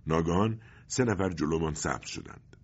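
A man narrating a story in a steady, grave storytelling manner, with a muffled recording. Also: sits low, breathy edge. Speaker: audiobook narrator.

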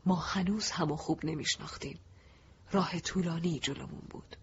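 A man narrating a first-person audiobook in a soft, reflective, emotive way. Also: a little high, husky. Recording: dull lo-fi recording.

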